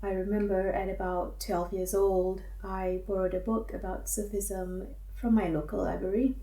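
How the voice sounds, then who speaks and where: A woman, a counselor speaking in a gentle, measured, introspective personal monologue. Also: mid-range voice, little pitch movement. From Singapore. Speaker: counselor and academic advisor. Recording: roomy echo, mic at a distance.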